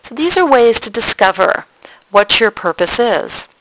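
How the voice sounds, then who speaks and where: A woman's voice: a little high, sing-song, unhurried, fairly bright tone, a little hiss or hum, poor audio. A woman who works as a spiritual coach, talking listeners through a coaching tip in an earnest, explaining way with some fillers.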